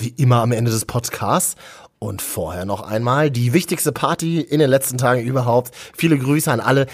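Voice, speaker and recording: Husky man presenting, very lively pitch. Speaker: podcast host, reporter. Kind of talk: upbeat scripted magazine presenting.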